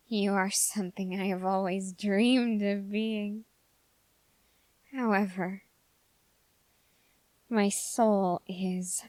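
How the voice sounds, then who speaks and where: In a dry recording, a woman with a medium-pitched voice performs an ASMR roleplay as an obsessive young male soldier fascinated by demons. She addresses the listener directly with intense, halting, formally worded delivery.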